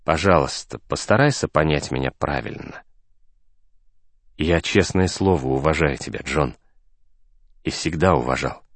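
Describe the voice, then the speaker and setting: A tranquil, wise man speaking slowly and softly in a storybook, his voice sunk very low, as a male narrator puts him on. The tone is measured and unhurried. The sound is dry and close. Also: expressive, no room sound, heavily acted. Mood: gentle. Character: calm, serene middle-aged man, renewed and wise.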